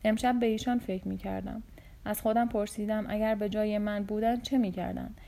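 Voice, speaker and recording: A woman voicing a stern, cold young male sultan who speaks in imperious, measured questions. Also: medium pitch, fairly even intonation, gravelly, dark tone, lightly acted.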